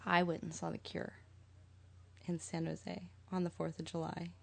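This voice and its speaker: A woman's voice: lowish voice, normal speed, vocal fry. A woman co-hosting a podcast, telling a story in casual chat. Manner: animated storyteller, chatty. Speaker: podcast co-host.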